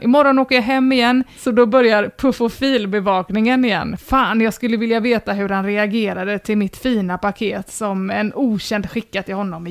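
Dry, amused woman reading forum posts. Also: mid-range voice. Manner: dry, amused, acts out quoted dialogue; mock-solemn when reading aloud. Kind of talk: casual chat, reading forum posts aloud.

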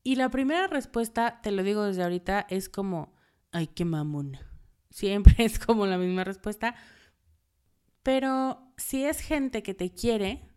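A woman's voice: mid-range voice, unhurried, darkish tone, clear, resonant tone. A woman with a Mexican accent hosting a podcast, giving direct, conversational advice as a list of numbered tips. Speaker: podcast host.

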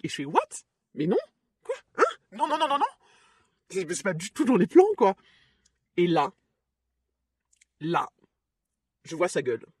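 A woman hosting a podcast, telling a personal story in a casual, lively way with frequent laughs and fillers. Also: low-pitched, dry recording. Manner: lively, chatty, laughs often, trails off with fillers. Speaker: podcast host.

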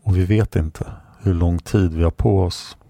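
A man's voice: low-pitched, steady tone, vocal fry, mellow, no room sound, clean studio sound. A man reading aloud and voicing a playful, mocking young woman warrior in a storybook. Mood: earnest. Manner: mocking, teasing questions.

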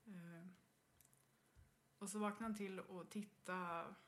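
A woman co-hosting a podcast, telling a ghost story in casual chat and acting out her own reactions. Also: fairly low pitch. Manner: lively storytelling with acted-out reactions. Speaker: podcast co-host.

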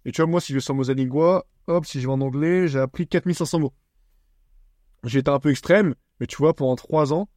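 A young man from France talks straight to the listener in a casual solo podcast, blunt, teasing and full of slang. His voice sits a little high, and the recording is dry and close. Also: a little mellow, dry recording. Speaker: podcast host.

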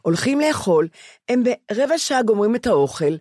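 A woman's voice: a little high, sing-song, dark tone, breathy edge, no room sound, studio quality. A woman in her seventies talking candidly as a podcast co-host, often stopping to restart and repeat words. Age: 70s. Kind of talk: candid conversation.

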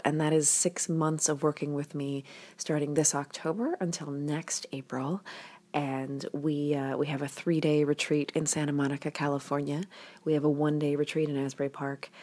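A woman's voice: deep voice, darkish tone. A woman hosting a podcast, talking casually and candidly to the listener, often letting phrases drop to a near-whisper. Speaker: podcast host.

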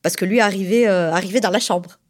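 A woman from southern France telling a personal story in a casual, lively way. She uses lots of fillers and acts out the people in her story. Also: medium pitch, brisk. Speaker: storyteller recounting a past relationship.

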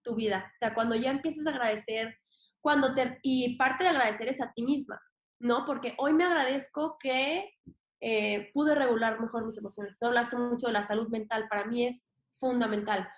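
A woman's voice: a little high, normal speed. A young woman with a Mexican accent, a podcast guest talking casually and emphatically, with slang and the odd swear word. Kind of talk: casual interview talk. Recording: roomy echo.

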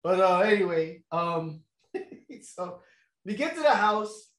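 A young man spins a rambling story in a relaxed, slangy way, laughing between lines. His voice sits a little high for a man. The room around him is echoey. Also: takes it slowly, slight background noise. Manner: laid-back, laughing, slangy, many fillers. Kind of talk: casual storytelling chat.

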